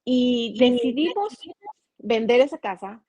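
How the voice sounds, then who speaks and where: A woman with an Ecuadorian accent, a journalist guest telling a personal story in a casual interview, earnest and animated, often restarting her sentences. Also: on the high side, slow pace, dry recording. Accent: Ecuadorian Spanish.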